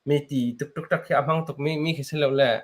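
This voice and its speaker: A man's voice: fairly high pitch, level tone, fast talker. A man interviewing a guest, hesitant and full of fillers. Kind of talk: interview questions.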